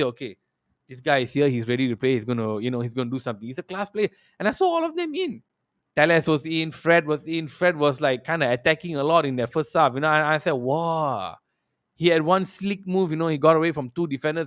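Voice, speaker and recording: A man speaks in a slightly high voice, recorded dry with little room sound. He talks like a football fan reacting to a match, casual and conversational, with animated, emphatic storytelling. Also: no echo.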